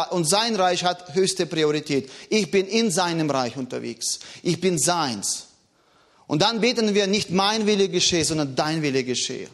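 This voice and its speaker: A man preaching a sermon in an earnest, emphatic way, with a foreign accent. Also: fairly bright tone. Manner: earnest, emphatic, rises and drops in pitch.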